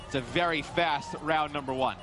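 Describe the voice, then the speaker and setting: A man's voice: fairly high pitch, moderate pace, pushed and bright, a little hiss or hum. A man giving casual, analytical esports commentary as a caster.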